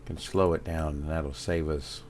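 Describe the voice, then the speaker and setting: A man with a Southern US accent giving casual gameplay commentary, thinking aloud with fillers and pauses. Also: very deep voice, level tone, darkish tone, slight background noise. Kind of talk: casual let's-play commentary.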